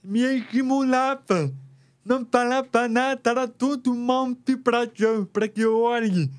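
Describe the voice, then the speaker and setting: A man with a Brazilian accent telling his own story as an interview guest, speaking slowly with careful, deliberate articulation. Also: very high voice. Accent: Brazilian Portuguese. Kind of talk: personal story in conversation.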